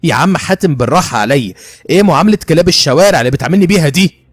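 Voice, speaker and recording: A man voicing a scheming, hot-tempered young man with an Egyptian accent, quick and teasing and easily riled. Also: on the high side, very animated, no room sound, studio quality. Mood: irritated.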